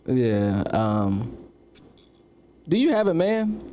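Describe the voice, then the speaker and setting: Male podcast host, middle pitch, jokey and teasing, background noise in the room. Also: big pitch swings, drawn-out words, warm tone. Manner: teasing, joking interviewer. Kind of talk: casual podcast chat.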